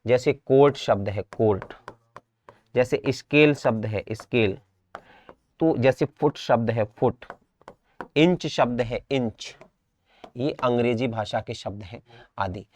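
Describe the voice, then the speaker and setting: This exam-prep instructor, a young Indian man with a Rajasthan Hindi accent, goes over words again and again and makes sure his students follow. His medium-pitched, slightly mellow voice is slow, with long pauses.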